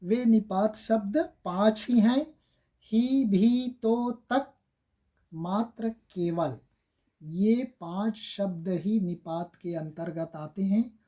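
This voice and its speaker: A woman gives an exam-prep grammar lesson at an unhurried pace. Her voice is warm and mellow rather than bright. She repeats each example, stressing the key word, and speaks to viewers as friends. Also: medium pitch. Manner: addresses viewers as friends, step-by-step explaining. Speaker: Hindi grammar teacher.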